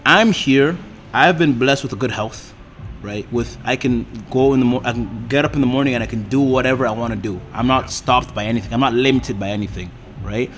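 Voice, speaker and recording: A man's voice: medium pitch, a little fast, fairly bright tone, soft background music. Earnest young man, podcast guest. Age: 20s. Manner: earnest, agreeable. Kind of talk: casual conversation.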